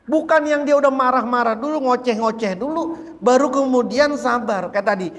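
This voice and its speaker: A man teaching a religious book study, animated and repeating phrases as he drives a point home. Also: very high voice, moderate pace, big-room sound. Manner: animated, repeats phrases, acts out quoted speech. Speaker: Islamic teacher.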